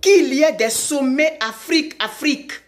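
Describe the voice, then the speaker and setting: A woman's voice: high voice, unhurried. A middle-aged woman from Ivory Coast making an emphatic direct-to-camera appeal, repeating her calls for emphasis. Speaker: vlogger.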